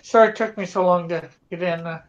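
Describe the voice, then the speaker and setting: A man's voice: high voice, steady tone, fast. Giggly Canadian man on a live stream. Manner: giggly, laughs often. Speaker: guest YouTuber. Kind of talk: casual live-stream chat. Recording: slightly dull lo-fi audio.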